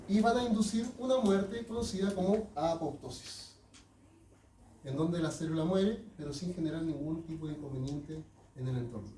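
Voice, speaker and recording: In a high, warm voice, a man delivers a classroom lecture and keeps asking his students check-in questions. It's recorded from far off in an echoey room, with a little hiss or hum.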